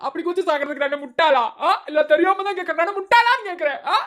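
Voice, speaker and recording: Rocky, a woman voicing a squeaky, wailing lovesick college boy. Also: animated, racing, a bit bright. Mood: indignant. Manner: wailing, self-pitying, over the top. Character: lovesick melodramatic young male college student. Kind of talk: cartoon voice acting.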